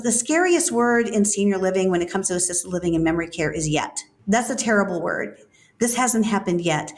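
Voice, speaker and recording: A middle-aged woman answering interview questions as a senior-living expert, measured and thoughtful, with frequent fillers. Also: medium pitch.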